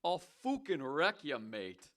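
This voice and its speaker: A man's voice: on the high side, wildly swooping pitch, measured pace. A man hosting a casual call-in show, teasing his callers with dry, bemused remarks. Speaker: host.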